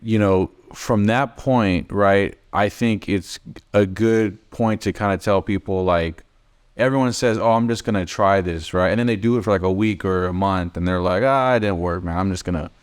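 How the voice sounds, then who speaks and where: A man's voice: sits low, normal speed, clean tone. A man co-hosting a podcast, asking probing questions and often checking in with "right?". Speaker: podcast co-host. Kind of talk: casual podcast interviewing.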